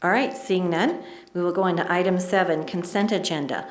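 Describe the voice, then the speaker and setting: A woman chairing a city council meeting, brisk and procedural with friendly asides. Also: fairly low pitch, a little hiss or hum. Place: council chamber. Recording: echoey chamber mic.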